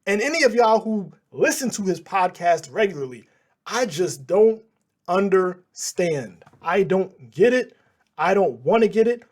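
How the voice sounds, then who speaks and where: News guy reacting to clips, sarcastic and fed up, kinda high voice, says bro a lot. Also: animated, a little slow. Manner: sarcastic, exasperated, slangy. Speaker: news channel host. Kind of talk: casual commentary reacting to clips.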